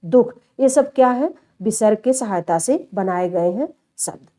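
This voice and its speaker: Female teacher, slightly high voice, mellow and dark, patient repeating explainer. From India. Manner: explains step by step and repeats key terms, addressing students as children. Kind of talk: classroom lecture.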